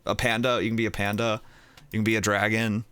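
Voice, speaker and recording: A man's voice: lowish voice, level tone, quick pace, a bit bright, clear, resonant tone, no echo. A young man streaming a game, chatting casually and rambling, getting distracted as he goes. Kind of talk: casual gaming chat.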